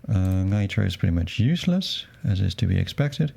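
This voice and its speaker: A man's voice: sits low, normal speed, vocal fry, husky. A man streaming a game, musing wryly in casual commentary and reading out the story. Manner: relaxed, musing, wry. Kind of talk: casual let's-play commentary and narration.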